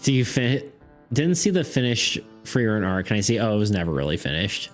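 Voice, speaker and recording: On the low side with big pitch swings and a slightly quick pace, a young man rambles through a casual live-stream chat about art and game design. He peppers it with fillers and laughs and says his voice is going, as faint music plays.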